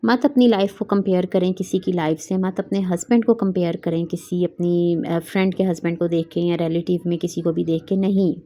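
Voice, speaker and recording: A woman's voice: fairly low pitch, fairly even intonation, brisk, few pauses, mellow. A woman, giving casual, earnest advice to wives as a vlogger and mixing in English words. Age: 30s. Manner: earnest, mixes English words into Urdu-Hindi speech.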